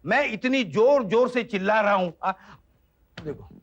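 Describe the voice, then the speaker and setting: A scolding, shouty manager. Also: male voice, high voice, animated, measured pace, dull audio. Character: loud, fussy male manager scolding workers. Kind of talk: sitcom acting.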